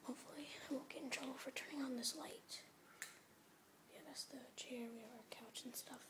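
A woman's voice: sits high, fairly even intonation, a little fast. A teenage girl whispering as she gives a late-night tour of her house, rambling with lots of fillers. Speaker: vlogger giving a home tour. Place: house at night, family asleep.

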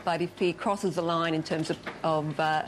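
A middle-aged woman psychologist giving measured, analytical comments on a TV panel in a studio, on a lapel mic. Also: deep voice, steady tone, slight background noise. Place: TV studio, indoors.

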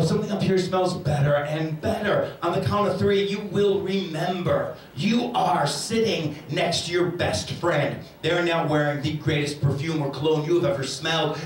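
A middle-aged man working as a stage hypnotist, giving loud, profane commands and counting up to three in a live show, holding a handheld mic on a large theater stage. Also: on the high side, a little hiss or hum. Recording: echoey hall from far off. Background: loud music and laughing crowd.

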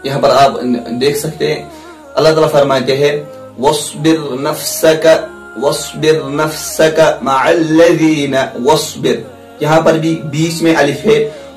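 Slow, patient male teacher in an echoey room. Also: fairly high pitch, recorded from a distance. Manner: slow, repetitive explaining, drawing out example syllables. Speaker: Quran recitation teacher. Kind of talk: recorded lesson on Arabic reading rules.

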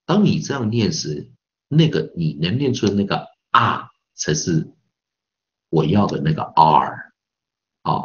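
A man's voice: low voice, a bit bright, dull audio. A man teaching English pronunciation in a recorded online lesson with a Taiwanese Mandarin accent, patiently repeating sounds over and over to demonstrate them.

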